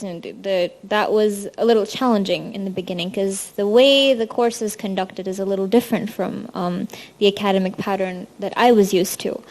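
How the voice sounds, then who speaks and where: A woman's voice: mid-range voice, darkish tone. A young woman from India, a university student, giving a casual presentation to an audience, with frequent ums. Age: young adult. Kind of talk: presentation talk.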